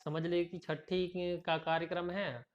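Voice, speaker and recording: A man's voice: high voice, level tone, a little slow. A male teacher reading a story aloud and explaining it, with frequent fillers and restarts. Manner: rambling with repeated fillers. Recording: dull lo-fi recording.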